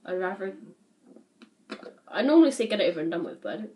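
Blunt young woman, lively pitch. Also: fast talker, recorded from a distance, lo-fi sound. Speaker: co-host friend. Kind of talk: casual chat.

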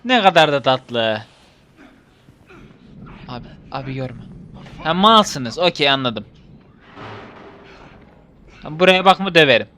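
Young male let's-play host, jokey, cussing, slightly high voice, faint hiss behind. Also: big pitch swings, slow pace, pauses often, pushed and bright. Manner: jokey, swears, talks to the game. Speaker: gaming video host. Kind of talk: casual let's-play commentary.

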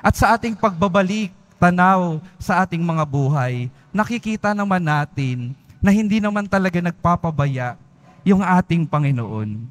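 A man's voice: high voice, expressive, normal speed. A man, a priest, giving an earnest sermon, repeating phrases and letting his voice fall at the end of each one. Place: large church. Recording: long church reverb.

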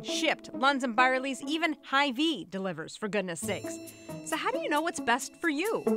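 A woman reporter reading a scripted consumer news segment in a wry, breezy manner. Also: on the high side. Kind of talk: scripted news narration with jokes. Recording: voice-over with clear music bed.

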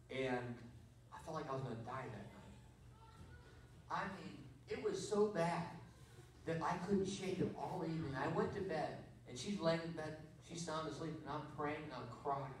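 A middle-aged man preaching a sermon as pastor, swinging between loud emphatic bursts and quiet storytelling. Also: medium pitch, slight background noise. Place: church sanctuary. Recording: very roomy church sound, voice from far off.

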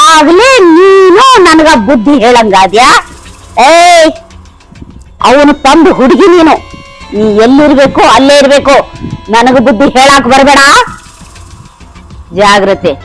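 A woman's voice: a little high, close to an everyday voice, poor audio. A woman with a North Karnataka Kannada accent playing a haughty, scornful middle-aged stepmother-in-law in a village comedy skit. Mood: scolding. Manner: taunting, sneering, drawn-out scolding. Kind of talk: village comedy drama acting.

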